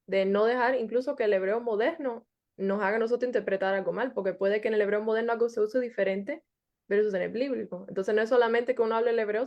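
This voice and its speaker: A woman in a casual religious discussion, talking fast and sometimes searching for words. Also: fairly high pitch. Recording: dull lo-fi audio.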